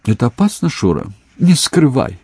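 A doting, anxious elderly mother from an audiobook, her voice pitched high and exclamatory, as a male narrator puts her on. She frets over her son and gushes about visiting relatives. The sound is close and dry, with a husky edge. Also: very animated, a little slow, dark tone, dry recording, heavily acted. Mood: worried. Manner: fretting, exclaiming.

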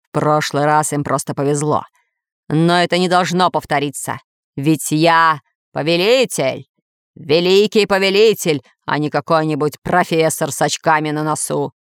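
A woman's voice: low voice, moderate pace, clean tone, no room sound, clean studio sound. Woman playing a blustering villain lord. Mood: furious. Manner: growling, snapping, pompous. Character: blustering villain lord, male, angry and pompous. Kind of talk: audiobook character voice.

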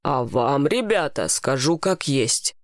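A woman's voice: rumbling low, lively intonation, slow, dry recording, pitched below the performer's own voice, exaggerated voice. A woman voicing a firm but kindly male firefighter who speaks frankly.

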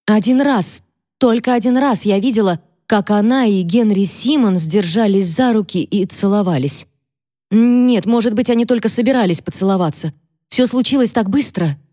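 A woman's voice: mid-range voice, normal speed, warm tone, no echo, clean studio sound, voice pushed up, close to an everyday voice. Brief: timid young servant girl on the stand, hesitant and trembling, voiced by a woman narrator. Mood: fearful, trembling.

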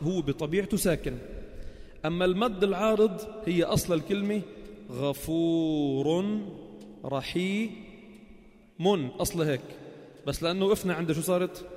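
A man's voice: on the high side, a little mellow. A man teaching a Quran recitation class, quizzing students and stretching out example words. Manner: questions the class, then drawls out example words. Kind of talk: classroom lesson. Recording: long hall reverb.

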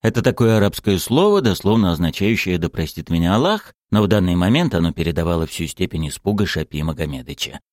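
Low-voiced, expressive male audiobook narrator. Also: quick pace, hardly any pauses, no room sound, clean studio sound. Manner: expressive, storytelling.

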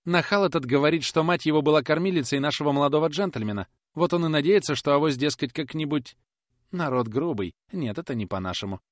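A man's voice: a little high, lively intonation, fast talker, no room sound, clean studio sound, pitched above the performer's own voice, natural voice. A man voicing a fawning middle-aged office messenger who rambles and complains in an obsequious way.

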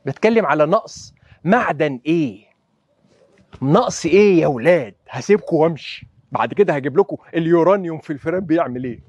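A doctor with an Egyptian Arabic accent gives a lively health lecture, constantly quizzing listeners with rhetorical questions. His voice is a little high and husky, his pace quick, and the recording has no echo.

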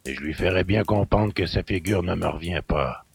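A gruff country innkeeper in an audio drama, grumbling with resentment in rustic speech. His voice sits very low and gravelly, with a husky, rough edge. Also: normal speed, heavily acted. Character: gruff suspicious middle-aged male country innkeeper.

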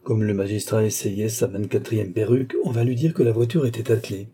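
Man reading a novel aloud, steady and measured, dark husky voice. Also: on the low side. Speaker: audiobook narrator. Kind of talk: scripted narration.

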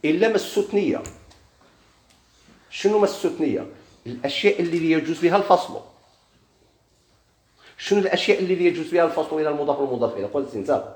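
A man with a Moroccan Arabic accent teaches a grammar lesson, talking fast. He keeps asking his class questions and then answering them himself. His voice rings out in an echoey classroom. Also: a little high, expressive, a little mellow. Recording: echoey room.

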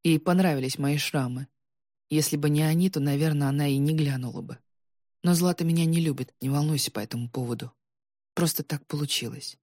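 A woman voicing a calm, guilt-ridden young man who speaks quietly and firmly. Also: sits low, fairly quick, no room sound, studio quality.

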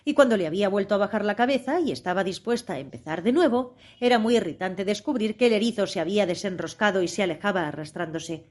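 A woman narrating an audiobook of a storybook. She reads in a measured, expressive way at a middle pitch.

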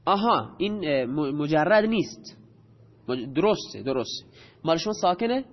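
Male teacher, high voice, explains step by step and quizzes the class; muffled recording in a reverberant room. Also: expressive. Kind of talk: classroom grammar lesson. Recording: dull audio with long hall reverb.

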